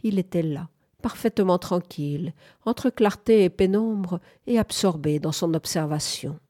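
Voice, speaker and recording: A woman reading a novel aloud as narrator, in a calm, measured manner. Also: fairly low pitch. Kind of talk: audiobook narration.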